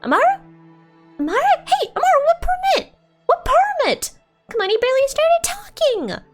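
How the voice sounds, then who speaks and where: A woman voicing a small, bossy, excitable fairy companion from a game, chirpy and pestering. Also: very high voice, normal speed, pitched above the performer's own voice. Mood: pestering, insistent. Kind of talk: reading game dialogue aloud in character. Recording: game music under the voice.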